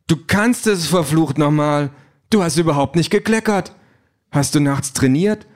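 A man's voice: medium pitch, fairly even intonation, brisk, vocal fry, a little mellow, pitched above the performer's own voice. A man voicing an exhausted, frustrated female campaign manager who swears bluntly, in a raised voice from an audiobook reading. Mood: astonished.

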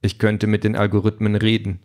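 A composed, literal android politician, read by a man in an audiobook. The voice sits low and speaks in flat, even statements. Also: a little fast, lightly acted. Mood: calm. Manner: flat, matter-of-fact delivery.

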